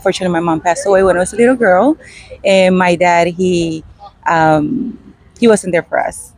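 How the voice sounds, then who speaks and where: A woman from Guatemala, interviewed outdoors in front of a restaurant, answering in a halting, hesitant way with many pauses and fillers. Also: fairly low pitch, fairly even intonation, a little mellow, dry recording, poor audio. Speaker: interview guest. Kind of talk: unscripted street interview.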